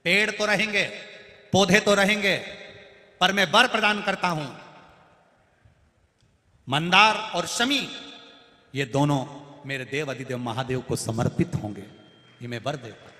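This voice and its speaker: A benevolent male god granting boons, solemn and declaiming, as a preacher voices him. His speech swells loud and then falls soft, in a bright, forceful tone. It rings through a long, roomy hall reverb. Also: a little high, measured pace, pauses often.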